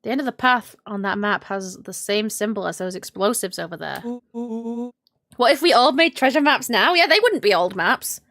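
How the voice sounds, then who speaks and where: A woman's voice: mid-range voice, normal speed, gravelly, no room sound. A woman streaming a game, reading character lines and making joking, swearing asides. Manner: animated, swears, jokey asides. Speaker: streamer playing and reading dialogue.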